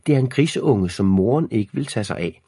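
A man's voice: fairly low pitch, animated, warm tone, slightly rough, dry recording, studio quality, voice pushed up. A man voicing a bratty little girl who squeals and whines, in an audiobook reading. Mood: squealing. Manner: squealing, whiny. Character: bratty shrill little girl, doting on animals.

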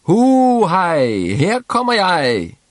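A man voicing a cheerful, simple-minded young peasant who shouts merrily. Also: fairly high pitch, very animated, no echo, voice pushed up. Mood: exuberant.

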